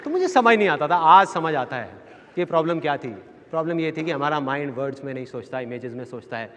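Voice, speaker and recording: A male motivational speaker giving a seminar in a large hall. He tells anecdotes and acts out the voices in them. His voice sits fairly high, and long hall reverb follows it. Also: lively intonation, quick pace, fairly bright tone, slight background noise. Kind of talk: seminar talk with acted-out anecdotes. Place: large hall with a live audience.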